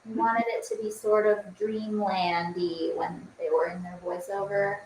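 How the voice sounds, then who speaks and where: Woman, medium pitch, echoey room, casual chat, enthusiastic delivery. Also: steady tone, unhurried, a little mellow. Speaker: production team member on a stream. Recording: roomy, with light background noise.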